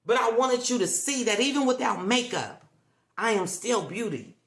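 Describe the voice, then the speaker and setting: A woman with a slightly high, very animated voice hosts a motivational livestream at a normal speed. She speaks emphatically, repeats herself for effect, and keeps coaxing her audience with tag questions. The recording has a roomy echo.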